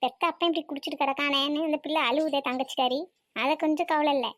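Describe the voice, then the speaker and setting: A woman voicing a weary, sharp-tongued middle-aged mother in a cartoon. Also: sits high, fairly even intonation, quick pace, dry recording, studio quality, pitched below the performer's own voice. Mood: scolding. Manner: scolding, weary.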